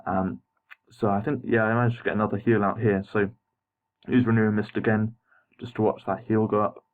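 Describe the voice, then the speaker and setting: In a lowish, flat voice and at a slightly fast clip, a young man gives off-the-cuff commentary over gameplay, his braces softening his articulation a little. His tone is casual yet hesitant and apologetic. The voice-over, recorded at home, sounds muffled and phone-like.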